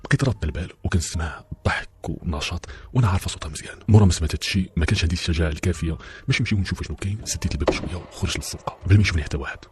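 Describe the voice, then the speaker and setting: A man's voice: sits low, rapid-fire, darkish tone, slight background noise. A man with a Moroccan accent narrating a first-person story, confiding in his listeners and speaking to them directly.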